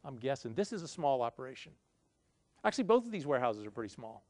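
Middle-aged male presenter, conversational and self-deprecating, ordinary pitch, dry sound. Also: very animated, fast talker, darkish tone, no room sound. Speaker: conference presenter. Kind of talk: lecture with audience Q&A. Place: indoor conference room, presenting at a projector screen.

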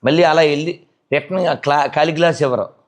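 A man's voice: a little high, brisk. A man giving a spiritual discourse, scolding his listeners with a stream of rhetorical questions. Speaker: spiritual speaker. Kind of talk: religious discourse.

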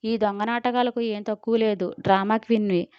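Woman doing scolding middle-aged mom, sharp but fond, clear voice. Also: mid-range voice, steady tone, moderate pace, no echo, muffled recording, lightly acted.

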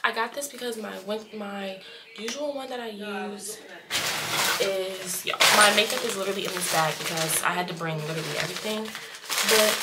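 A woman's voice: medium pitch, very noisy. A young woman vlogging casually at home, talking to the camera in a rambling way with lots of "um"s and "like"s. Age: young adult. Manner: chatty, rambling with many "um"s and "like"s. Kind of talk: casual vlog chat to camera. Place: small home bathroom and bedroom, indoors.

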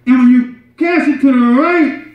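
With an extremely high pitch and a normal speaking speed, a middle-aged imam animatedly preaches the Friday sermon, rising to loud, emphatic peaks and dropping into soft asides while frequently asking the congregation "right?" The worshippers sit on the floor of a carpeted mosque prayer hall. Distant camera audio makes the sound roomy and slightly dull.

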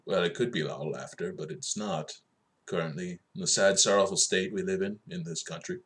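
Deadpan man with a very deep voice. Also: brisk. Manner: mock-serious, swings from solemn murmur to loud outbursts. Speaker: comedic vlog host playing a fake doctor. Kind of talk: deadpan comedic monologue.

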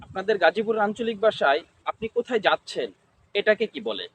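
A man's voice: high-pitched, very animated, a little fast, a bit bright, slight background noise. A man interviewing, asking the same kind of question over and over. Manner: repetitive, formulaic questioning.

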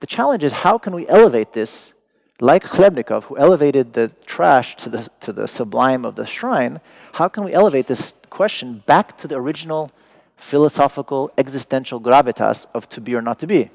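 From the stage of a large, dark auditorium with an audience seated before him, a native Persian speaker gives a casual lecture in English. He hunts for his words and leans on them with care, his mid-range voice expressive, creaky, and a little mellow.

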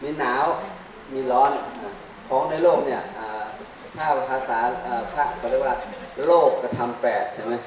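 Monk teaching in a very echoey hall. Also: male voice, mid-range voice, a crowd in the background. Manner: quizzes the audience and fills gaps with drawn-out "ah". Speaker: Buddhist monk teaching a class. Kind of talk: conversational classroom teaching. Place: large hall, standing before a seated group. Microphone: handheld mic. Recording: very echoey hall, distant mic, faint noise.

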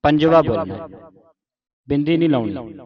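A man teaching careful scripture pronunciation, reciting verses slowly syllable by syllable and correcting common mistakes. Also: fairly high pitch, lively intonation, highs cut off.

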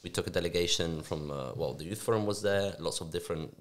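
A young man from Spain speaks with a deep, low voice at a brisk clip. He talks on a podcast mic in a small office studio, restarting sentences as he goes. His answers sound quick and eager. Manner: fast, animated, with frequent restarts and fillers. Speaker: youth forum board member, guest. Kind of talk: conversational interview answers. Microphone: podcast mic on stand, headphones.

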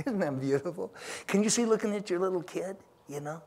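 A middle-aged man preaching a sermon as pastor, telling stories with animated acted-out dialogue. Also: sits high, brisk, vocal fry. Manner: animated storyteller who acts out dialogue.

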